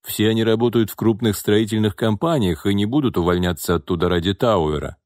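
A man reading an audiobook voices a good-natured, middle-aged businessman who talks in a measured way. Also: fairly low pitch, darkish tone, dry recording, clean studio sound, natural voice.

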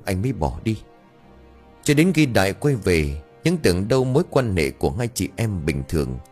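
A man narrating an audiobook horror story in an expressive, dramatic storytelling manner. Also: deep voice, husky.

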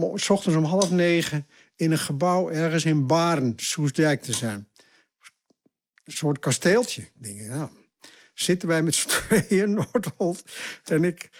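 An older man recounting past events in a lively storytelling manner, acting out the voices of people he quotes. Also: on the high side. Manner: animated, acts out quoted shouting. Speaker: interviewee recounting his career. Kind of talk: storytelling recollection.

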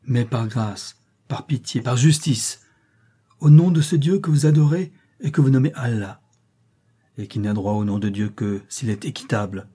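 A frantic, begging mother, as a male reader puts her on, raising her voice again and again in passionate appeals for mercy. The tone stays dark and mellow. The voice is slightly breathy. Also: mid-range voice, normal speed, natural voice. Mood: pleading. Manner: impassioned, crying out, pleading. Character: desperate European mother pleading before sultan.

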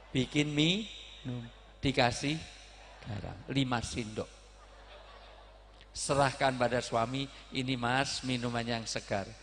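A man giving a humorous sermon, joking and bursting into sudden loud outbursts. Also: mid-range voice, big-room sound, a little hiss or hum. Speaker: preacher.

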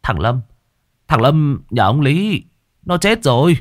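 A man's voice: medium pitch, big pitch swings, takes it slowly, no room sound, studio quality, pitched above the performer's own voice. A man voicing a panicked young village man who stammers out bad news breathlessly.

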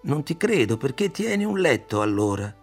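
A man's voice: medium pitch, sing-song, moderate pace, soft background music. A male reader voicing an impulsive young man, drunk and pleading in an insistent way.

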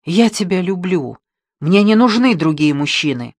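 A man voicing a jealous, hysterical young woman who shouts and then hisses in contempt. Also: expressive, normal speed, dry recording. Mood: furious. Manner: shrill, shouting, then hissing.

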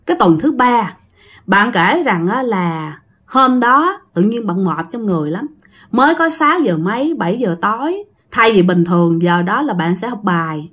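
A woman with a Southern Vietnamese accent telling a ghost story in a chatty way, addressing her listeners directly. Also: mid-range voice. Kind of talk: casual ghost story narration.

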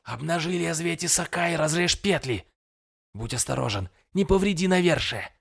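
A man's voice: fairly high pitch, normal speed, creaky, breathy edge, voice pushed up. A man voicing a grating, hissing female spirit made of green gas, urging and commanding. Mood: urgent. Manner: urgent, commanding whispers and orders. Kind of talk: audiobook character voice.

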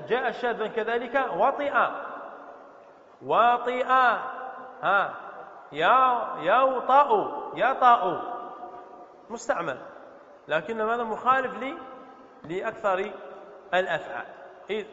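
High-voiced man teaching in an echoey hall. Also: animated, pushed and bright. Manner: quizzes students with quick questions. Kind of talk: Arabic grammar lesson. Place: mosque hall. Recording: echoey muffled hall recording.

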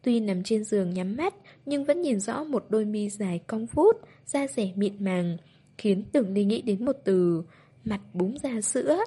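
A woman narrating a novel as an audiobook in a steady, even reading voice. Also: mid-range voice, measured pace, slightly rough.

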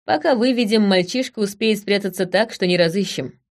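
Brief: woman audiobook narrator, medium pitch, brisk and dramatic first-person reading. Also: a little mellow.

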